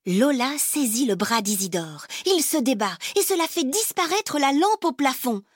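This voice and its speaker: A woman reading a children's story aloud in a slow, expressive way, often dropping to a whisper. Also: high voice, no echo, studio quality.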